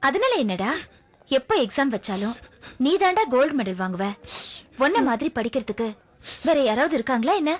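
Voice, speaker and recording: A woman's voice: high-pitched, very animated, normal speed, pauses often. An actress playing a cheerful, headstrong young female college student who talks in a chatty, coaxing way. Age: young adult. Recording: film soundtrack under loud music.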